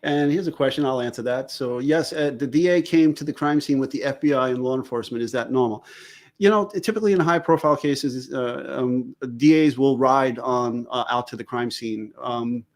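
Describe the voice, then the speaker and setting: A man's voice: medium pitch, moderate pace. A man, chatting casually as a forensics guest on a live stream and joking about place names. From New York. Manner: jokey, riffs on place names.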